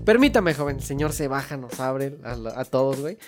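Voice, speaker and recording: Hombre joven chilango contando una anécdota. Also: male voice, medium pitch, a little fast, faint music behind. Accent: Mexico City Spanish. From Mexico. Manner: slangy, animated, laughing storyteller. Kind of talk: casual storytelling chat.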